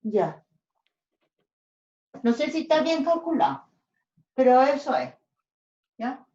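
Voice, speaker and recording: A woman teacher slowly solving a physics problem aloud, checking and correcting her own steps. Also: high-pitched, big pitch swings, dark tone, distant mic. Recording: dull roomy sound from off-mic.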